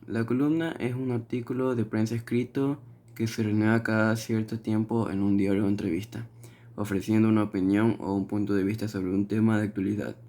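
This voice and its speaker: A man, a student, reads his class notes aloud haltingly, with frequent restarts and fillers, then shows his assignments. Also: lowish voice, mellow. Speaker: student presenting his portfolio.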